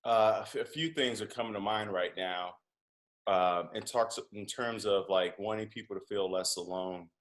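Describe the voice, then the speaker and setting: A man who is a comedian and podcast host, telling stories as a guest in a conversational interview, animated, with lots of fillers and restarts. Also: on the low side, moderate pace.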